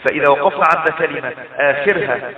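A man's voice: a little high, roomy sound, distant mic, narrow, tinny audio. Egyptian man teaching Quran recitation. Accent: Egyptian Arabic. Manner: repeats and slowly demonstrates words, many drawn-out fillers. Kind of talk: tajweed lesson.

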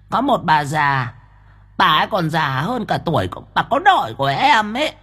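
A man's voice: high voice, a bit bright, slightly rough, voice pushed up, heavily acted. A man voicing a panicky, whiny effeminate ghost in an audiobook. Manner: whiny, wailing calls.

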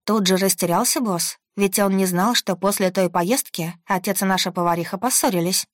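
An audiobook narrator reads a scripted first-person story in an even, steady manner. Her voice sits in the mid range and moves at a moderate pace. The studio sound is clean, with no room sound.

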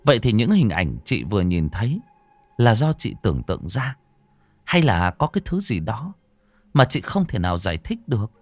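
A man telling a ghost story in scripted narration, dramatic and slowing down for suspense. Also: on the low side, big pitch swings, darkish tone, no echo.

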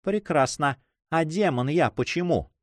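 A sharp, playful young lady full of mockery and wit, voiced by a man. Her lines leap up and down in a lively, animated way. The reading is dry and close. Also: a little high, unhurried, no room sound, voice pushed up. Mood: teasing. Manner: mocking, laughing, lively. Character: playful teasing young noblewoman, quick-witted.

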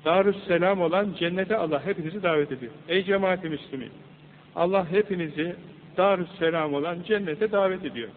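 A man's voice: high-pitched, a little fast, long reverb tail. A man preaching a sermon from a pulpit, asking rhetorical questions and reciting Arabic verses in an emphatic way. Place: mosque pulpit. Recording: old lo-fi tape, phone-like band, faint hum.

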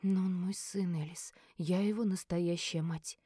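A woman plays a resentful young female prisoner in a storybook reading. Her voice stays low, quiet and hushed. The recording is dry and close. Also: fairly even intonation, moderate pace, dry recording, close to an everyday voice. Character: young woman, sly, resentful fellow captive.

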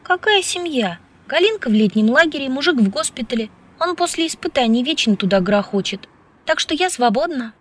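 A woman's voice: sits high, expressive, brisk, pitched above the performer's own voice. A woman reading an audiobook, voicing a bold, flirtatious, outspoken woman who teases freely. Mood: teasing. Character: brash, lively flirtatious woman scientist.

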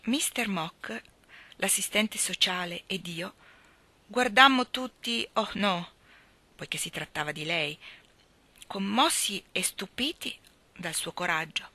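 A woman reads a novel aloud, bringing the dialogue to life with expressive shifts. Her voice is bright and clear, recorded close and dry with no room sound. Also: mid-range voice, takes it slowly, pauses often, no room sound. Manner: expressive, lively dialogue voicing. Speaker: reader. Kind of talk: audiobook reading of a novel.

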